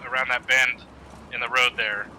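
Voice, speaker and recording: Guy doing milsim radio orders, really sharp bright voice, bit of um-ing, faint engine noise behind. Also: mid-range voice, flat delivery, normal speed, rough recording. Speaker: platoon leader in a military simulation game, streaming. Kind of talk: radio callouts in a military game, casual asides.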